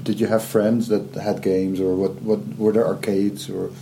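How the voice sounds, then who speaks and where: A man's voice: lowish voice, level tone, normal speed, vocal fry, dark tone, a little hiss or hum. A man hosting an interview, asking curious, easygoing questions. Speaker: interview host. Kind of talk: casual interview chat.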